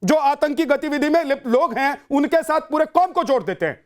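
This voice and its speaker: A man anchoring a heated TV news debate, interrupting and accusing his guest in a forceful manner. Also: extremely high pitch, expressive, brisk.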